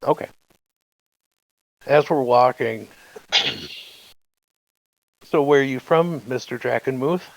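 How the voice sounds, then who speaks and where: A man's voice: medium pitch, slow, gravelly, pauses often, no echo, highs cut off. A man playing a tabletop game, talking casually and asking the game master lots of questions. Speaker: player.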